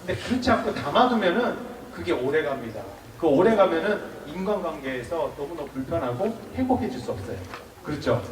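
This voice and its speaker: A man in his forties, a monk giving a public lecture, lively and quizzing the audience, with acted-out dialogue. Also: a little high, a little fast, crowd noise. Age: 40s. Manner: lively, asks the audience questions, acts out quoted dialogue. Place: temple lecture hall with audience. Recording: echoey hall, mic from far off, audience around.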